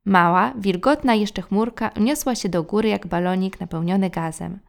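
A woman narrating a children's storybook in a gentle, measured way. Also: mid-range voice, creaky.

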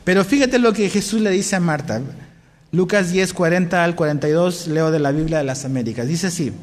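A man's voice: a little high, a little fast. A man preaching a sermon as pastor, conversational and often asking his listeners questions. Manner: conversational, asks the congregation questions. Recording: long hall reverb.

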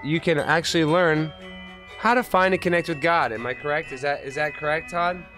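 Casting: male livestream host, dramatic and profane ranter, sharp-edged voice, unpredictable volume. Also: on the high side, a little fast, faint music behind. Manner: volatile, dramatic, swinging between muttering and shouting; profane, rambling. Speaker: talk show host. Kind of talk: casual livestream rant and chat.

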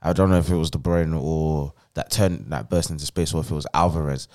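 A man's voice: very deep voice, fairly even intonation, fairly quick, a little mellow. A young man with a London roadman accent, grumbling and repeating himself in slangy football chat as a podcast co-host. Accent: London, urban street slang style (roadman).

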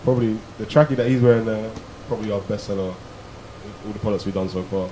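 Deep-voiced south London young man. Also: quick pace, mellow. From Croydon, south London, England. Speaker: streetwear brand member being interviewed. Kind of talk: casual interview chat. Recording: clearly noisy background ambience.

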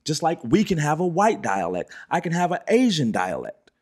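Husky man arguing his point. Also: fairly high pitch, huge pitch swings, moderate pace. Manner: insistent, explains with examples. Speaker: podcast co-host. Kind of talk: heated casual debate.

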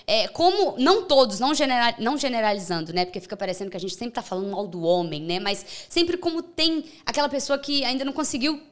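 A woman with a Brazilian accent hosting a casual interview, conversational and quick to agree. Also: on the high side, lively intonation. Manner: conversational, frequent agreeing fillers. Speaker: interview host.

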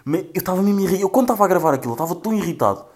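A man's voice: high voice, animated, racing, darkish tone. A young man with a European Portuguese accent, hosting a casual commentary and ranting with profanity and mockery. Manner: profane, rambling, mocking. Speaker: host reacting to social media clips.

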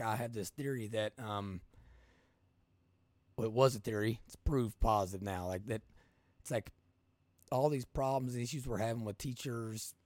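A man with a Kentucky accent and a hoarse smoker's rasp, hosting a casual podcast in a folksy, rambling, colloquial way. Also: medium pitch, a little mellow, dry recording. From Kentucky, United States. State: hoarse from coaching. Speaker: podcast host.

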